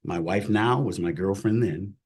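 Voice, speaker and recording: A middle-aged man, a chaplain, telling his personal faith story as an interview guest in an earnest, emotional way that drops to a hush at hard moments. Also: on the low side, normal speed, husky. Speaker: chaplain and CPE director, guest.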